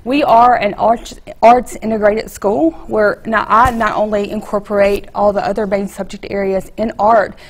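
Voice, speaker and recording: A woman, an art teacher explaining her class on a TV interview in a chatty, halting way, on a lapel mic. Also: mid-range voice, level tone. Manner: chatty, halting with fillers and restarts. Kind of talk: TV studio interview. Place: TV news studio set, seated.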